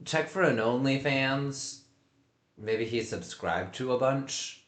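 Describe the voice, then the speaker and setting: A man giving casual, halting reaction commentary as a streamer, with mocking asides. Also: medium pitch, a bit bright. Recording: roomy, echoey room sound.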